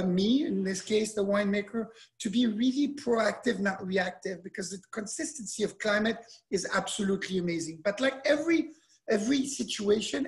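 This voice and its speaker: A man in his forties who grew up in Switzerland, a winemaker talking casually over a webcam, animated and given to repeating words. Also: sits high, creaky. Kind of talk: casual talk over video call. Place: indoor room with wine bottles and shelves. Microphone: webcam at close range.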